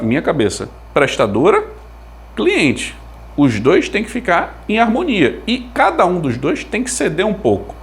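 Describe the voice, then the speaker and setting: A Brazilian video creator covering consumer telecom topics thinks aloud for viewers, explaining informally and posing rhetorical questions. He has a high-pitched voice with vocal fry.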